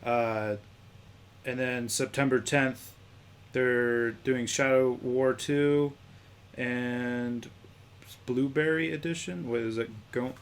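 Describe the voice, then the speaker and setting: Offhand young man, mid-pitched voice. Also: takes it slowly, a little hiss or hum. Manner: relaxed, offhand, trailing off. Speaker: podcast co-host. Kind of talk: casual chat.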